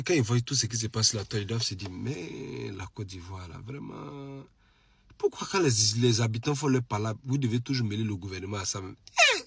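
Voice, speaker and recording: Here a mid-range male voice comes through creaky and slightly rough, with no room sound. The speaker, an Ivorian French-accented streamer nursing a head cold, chats animatedly and casually to followers during a late-night live session, repeating himself for emphasis.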